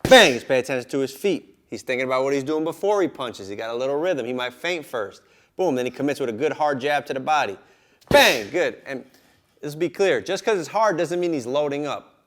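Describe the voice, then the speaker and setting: A man with an animated, fairly quick voice coaches boxing drills hands-on in a gym with clear background noise. Informal and repetitive, he leans on "right?" tags and punctuates his directions with whoop, bang and boom sounds.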